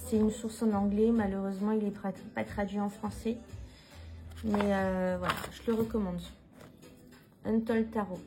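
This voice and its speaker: Woman, casual vlogger, slow and halting, lots of fillers, frank, faint music underneath. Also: mid-range voice, dark tone, rough recording. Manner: hesitant, full of drawn-out fillers and restarts; frank and informal, mild swearing. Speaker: tarot reader presenting books. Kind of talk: casual vlog talk.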